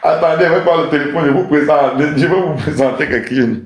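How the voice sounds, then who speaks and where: A man's voice: a little high, brisk, a little hiss or hum. A man hosting a live stream with an emphatic, teasing comic rant, repeating his points. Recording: roomy echo.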